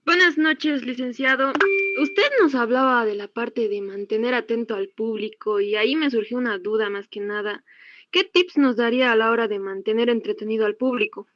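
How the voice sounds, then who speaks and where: A woman's voice: a little high, moderate pace, no room sound, dull audio. A woman student asking her teacher a question in an online class, polite and formal.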